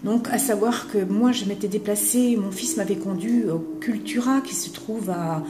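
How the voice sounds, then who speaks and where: A woman's voice: mid-range voice, moderate pace, noisy background. An older woman chatting casually to the camera as she shows her craft gifts, now and then dropping to a whisper as she admires them. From eastern France. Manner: chatty, warm, drops to a whisper when admiring things. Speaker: craft vlogger.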